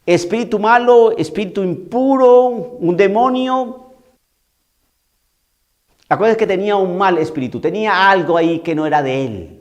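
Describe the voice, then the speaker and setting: A priest giving an emphatic homily, repeating key phrases and asking rhetorical questions. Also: male voice, high-pitched, normal speed, a little mellow, highs cut off.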